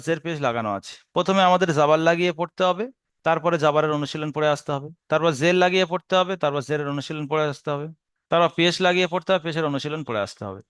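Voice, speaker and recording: Male teacher, Bengali accent, smooth higher voice, dry close mic; slow patient explaining, drawn-out recitation of letter sounds. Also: fairly bright tone, no echo. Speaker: Quran reading teacher. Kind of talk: recorded lesson.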